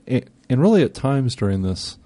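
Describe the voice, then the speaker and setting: Casting note: mellow male co-host, halting and contrarian. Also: medium pitch, sing-song. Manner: hesitant, restarts, contrarian. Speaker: podcast co-host. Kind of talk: casual TV recap chat.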